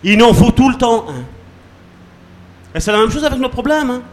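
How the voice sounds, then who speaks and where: Animated, high-voiced man preaching a sermon. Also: normal speed, slight background noise. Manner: lively preaching, sudden drops to soft asides and rises to loud calls. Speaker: pastor.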